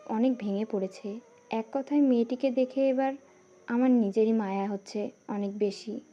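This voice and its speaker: A woman's voice: a little high, fairly even intonation, moderate pace, lightly acted. A woman playing a concerned mother, protective of her son, in a scripted audio story. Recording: muffled audio, music behind.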